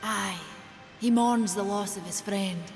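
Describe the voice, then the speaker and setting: An actress playing a brisk, solemn female smith in a fantasy game, with a Scottish accent and a plain-spoken manner. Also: medium pitch, fairly even intonation. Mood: solemn, concerned. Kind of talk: dramatic fantasy game dialogue. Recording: very loud music behind.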